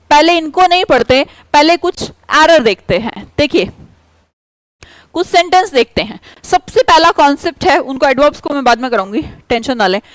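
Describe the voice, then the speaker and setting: A woman leads an online English grammar class. Her voice sits high, and she talks briskly, pressing students for quick answers. The sound is dry and close to the mic. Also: no echo, poor audio.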